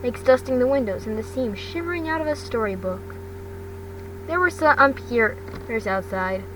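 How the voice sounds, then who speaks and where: At normal speed and with lively intonation, a woman with a fairly high voice reads fan fiction aloud in an amateur storybook manner. She frequently trips over and repeats words. As a fan fiction podcast reader, she records at home, where it's noisy and the mic is distant.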